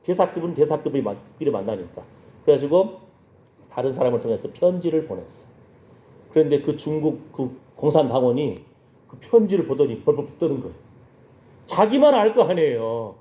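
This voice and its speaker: A male pastor delivers a sermon as a story, acting out each character's lines and turning to his congregation with quick questions. His voice sits a little high but sounds mellow and dark. The recording is dull and lo-fi, with the echo of a large church. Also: very animated. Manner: storytelling, acts out voices in dialogue, checks in with the congregation. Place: church sanctuary.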